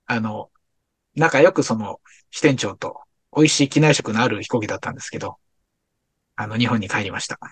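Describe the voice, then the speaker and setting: A man co-hosting a casual podcast chat, talking in a laid-back, self-deprecating way with many soft agreeing fillers. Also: on the low side, a little fast, breathy edge, dry recording. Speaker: podcast co-host.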